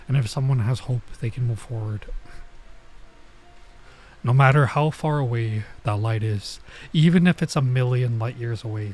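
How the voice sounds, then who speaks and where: Reading visual novel text aloud during a relaxed let's play, this male streamer adds his own comments and stumbles a bit over foreign words. His voice is medium in pitch and a little mellow. The audio is poor, with slight background noise.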